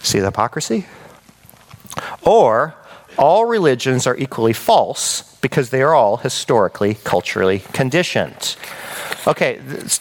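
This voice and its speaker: A man preaching a sermon in a conversational, animated way, often checking in with the listeners. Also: high-pitched.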